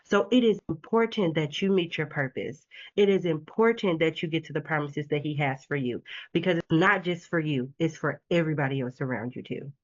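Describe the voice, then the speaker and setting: A woman sales coach on a video call, talking with lively, encouraging conviction and frequent laughs. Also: deep voice, fairly quick, hardly any pauses, muffled recording. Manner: animated, laughing, preachy encouragement. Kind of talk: casual video call chat.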